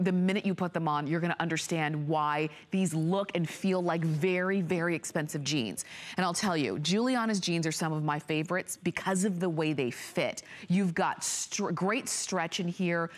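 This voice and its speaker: A middle-aged American woman hosting a shopping channel, giving an unscripted, chatty and persuasive sales pitch that repeats points for emphasis. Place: TV studio.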